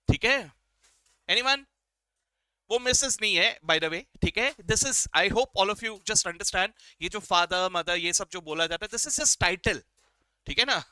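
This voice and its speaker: A male accounting teacher with a high, very bright voice, teasing his viewers with quiz questions and answering for them. He slips English phrases into his lecture. The sound is clean and dry, close to the mic. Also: smooth, no room sound. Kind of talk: classroom-style lecture.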